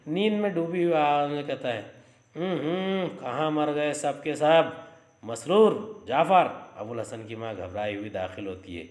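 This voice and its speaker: Male teacher explaining a play. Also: medium pitch. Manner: explanatory, stops to gloss words. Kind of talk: reading and explaining a play for a school lesson. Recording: roomy echo.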